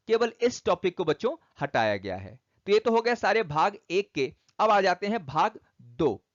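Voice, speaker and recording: A man's voice: high-pitched, no room sound, lo-fi sound. A man teaching physics online, walking students through syllabus topics and calling them children.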